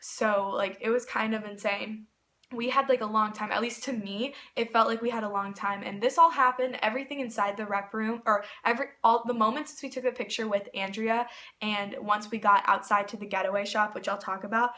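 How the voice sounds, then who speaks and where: A woman telling a story in a casual vlog, rambling and excitable, with lots of "like" fillers. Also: mid-range voice, a little fast. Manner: rambling, excitable, heavy use of "like". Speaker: vlogger.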